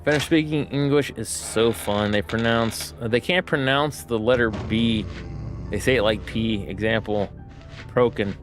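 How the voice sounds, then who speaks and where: This American man streams gameplay and talks casually at a measured pace in a medium-pitched voice, game music playing behind him. His talk wanders as he thinks aloud, catches his own mistakes and leans heavily on fillers.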